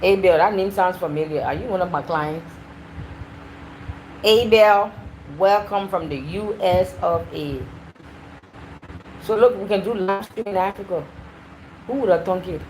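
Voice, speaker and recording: A woman's voice: on the low side, measured pace, pauses often, a little hiss or hum, low-quality recording. Chatty woman hosting a livestream. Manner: chatty, animated, talks to viewers directly. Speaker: livestream host. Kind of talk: casual live-stream chat.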